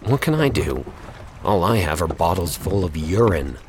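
A man's voice: mid-range voice, very animated, measured pace, a little hiss or hum, voice pushed up. A man voicing a desperate man stranded on a flooded rooftop, asking anguished, pleading questions.

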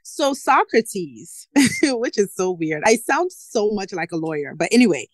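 Woman host, casual and animated, quick to laugh, dry close-miked sound. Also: mid-range voice, dry recording. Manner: animated, laughs often, slangy asides. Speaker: podcast host. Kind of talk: casual chat.

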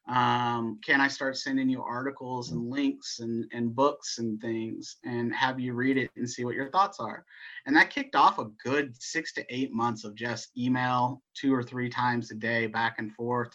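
A man talking as a guest on a podcast, with a bright, forceful voice. He tells his story animatedly and laughs often. The recording sounds somewhat dull and lo-fi. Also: mid-range voice. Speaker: guest, educator. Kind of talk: casual interview storytelling.

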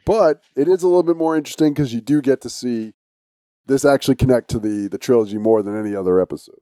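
A man hosting a podcast in casual chat, speaking a little haltingly. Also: mid-range voice, mellow, no room sound, studio quality. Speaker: podcast host.

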